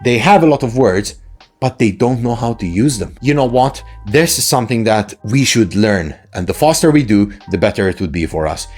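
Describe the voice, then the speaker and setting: With a fairly low, darkish voice, the man teaches an English lesson at a moderate pace and an animated delivery, while faint music plays behind him. He keeps the instruction conversational, throwing out rhetorical questions and short "right?" check-ins.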